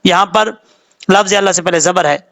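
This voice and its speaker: With a high, slightly bright voice and vocal fry, a man with a Pakistani Urdu accent teaches the Quran word by word. He slowly spells out the letters and vowel marks, then explains the rules quickly.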